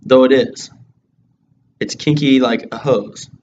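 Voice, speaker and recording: A man with a mid-pitched voice chats casually with a lip full of dip, slipping in dry, crude jokes. The sound is dull and lo-fi, with faint noise. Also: fairly even intonation, slow, a little mellow. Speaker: co-host reviewing dipping tobacco. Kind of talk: casual chat review.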